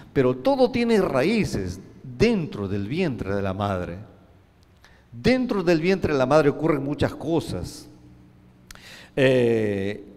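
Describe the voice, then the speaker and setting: Male pastor, mid-pitched, storytelling sermon, long church reverb. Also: a little mellow. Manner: storytelling, acting out quoted voices, many restarts.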